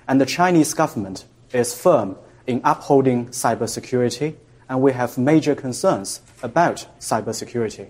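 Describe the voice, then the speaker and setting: Male live interpreter voice at a press conference, steady and formal. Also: medium pitch, normal speed. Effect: live interpreter voice heard over a broadcast. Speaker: simultaneous interpreter.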